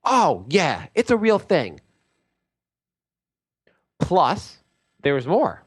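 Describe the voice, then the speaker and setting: A man voicing a pompous self-styled male lord and sports insider in an improvised comedy bit, rambling through a grandiose sales pitch. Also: wildly swooping pitch, drawn-out words, breathy edge, heavily acted.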